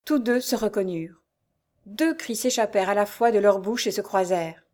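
A woman's voice: mid-range voice, normal speed, a little mellow. Woman reading a novel aloud. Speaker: reader.

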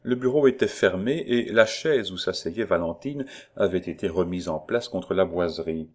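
A man narrating a classic novel in a measured, even reading. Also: deep voice. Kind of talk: audiobook narration.

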